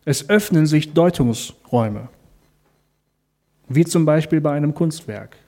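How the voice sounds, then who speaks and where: Mellow-voiced man giving a faith talk. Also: a little high, a little slow. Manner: explains calmly, speaks directly to the listener; asks rhetorical questions.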